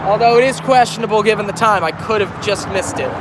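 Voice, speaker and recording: A railfan livestreams by phone from a bridge beside a busy highway, chatting casually with viewers while he gets over a cold. He talks fast in a high voice, often restarting and correcting himself, and loud traffic and wind fill the outdoor recording.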